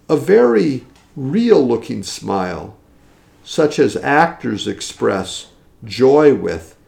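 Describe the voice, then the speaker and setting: A man reading passages aloud from a historical text and explaining them in a relaxed way, with the odd chuckle. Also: mid-range voice, creaky. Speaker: teacher discussing a historical text.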